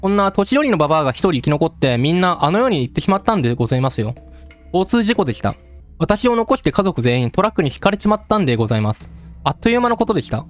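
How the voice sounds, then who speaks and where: Male reader doing a pleading old ghost woman, mournful, lively in pitch. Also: rapid-fire, faint music behind. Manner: humble old-fashioned speech, sorrowful pleading. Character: pitiful old female ghost, wheedling and mournful.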